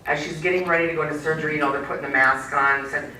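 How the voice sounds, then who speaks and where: A middle-aged woman tells a story from a stage, animated and quizzing her audience as she goes. Her voice is bright and forceful. The sound rings around a large hall, picked up from some distance. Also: low-pitched, quick pace, a little hiss or hum. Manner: animated, asks the audience questions. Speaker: keynote speaker. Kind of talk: storytelling speech to a live audience. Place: community event hall. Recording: echoey hall, mic from far off.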